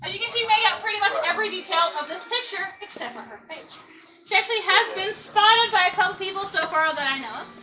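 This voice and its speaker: Fast, high-pitched woman ghost tour guide. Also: animated, music in the background. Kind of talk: guided tour storytelling to a group. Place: among a tour group in a noisy public spot. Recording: echoey, far mic, loud crowd noise.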